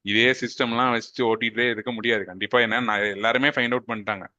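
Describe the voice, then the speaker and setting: A man with a Tamil accent chats about football as a podcast co-host, slipping English phrases into his talk. His voice is bright and forceful. The sound is dry and a little dull. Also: lowish voice, fast talker, dry recording. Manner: mixes English phrases into Tamil, animated opinions. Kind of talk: casual football chat.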